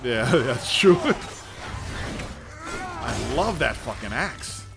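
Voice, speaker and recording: Laid-back host swearing over game music. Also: male voice, medium pitch, very animated, drawn-out words, vocal fry. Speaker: podcast host. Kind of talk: casual chat over gameplay.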